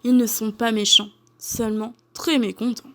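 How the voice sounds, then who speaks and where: A woman teacher reading a picture book aloud to children, clearly and expressively. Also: fairly high pitch, flat delivery, moderate pace, a bit bright.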